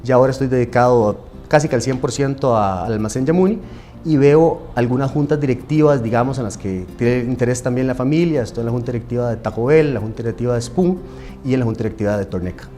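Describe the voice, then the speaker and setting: A man's voice: medium pitch, quick pace, dark tone. A man in his forties with a Costa Rican accent, telling his family business's history in a conversational interview, with frequent tag questions and fillers. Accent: Costa Rican Spanish. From Costa Rica. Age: 40s. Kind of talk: interview, storytelling.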